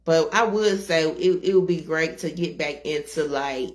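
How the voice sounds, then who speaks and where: A woman co-hosting a casual interview, relaxed and rambling with frequent laughs. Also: low voice, moderate pace. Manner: relaxed and rambling, laughing often, many fillers. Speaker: co-host, interviewer.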